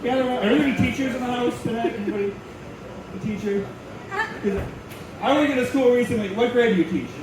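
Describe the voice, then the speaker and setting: A man's voice: very high-pitched, fairly quick, long pauses. A man performing a stand-up comedy routine with crowd banter, telling jokes in a profane, mock-innocent way. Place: live comedy venue with an audience. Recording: very echoey venue, distant mic, loud crowd, noise. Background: loud audience crowd.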